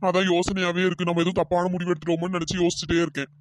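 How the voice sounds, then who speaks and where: A woman voicing a gentle, worried middle-aged father in a comic skit, talking in a soft, plain way. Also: on the low side, little pitch movement, very fast, dry recording, clean studio sound, close to an everyday voice.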